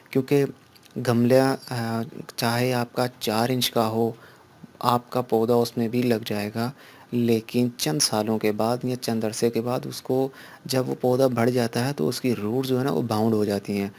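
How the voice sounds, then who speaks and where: A man talks through gardening advice in a patient, step-by-step way. His voice sits at a middling pitch and stays quite flat, with little rise and fall. He circles back to the same points and fills pauses as he goes. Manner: explains slowly, repeats points, many fillers. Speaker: gardening channel host. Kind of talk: casual instructional talk.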